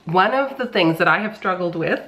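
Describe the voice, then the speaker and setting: A woman in her thirties, a vlogger and mother of young children, chats casually in a home vlog, rambling and poking fun at herself. Her lowish voice is a bit bright, a little fast and lively in intonation, with a congested, pinched nasal sound as though her nose were held.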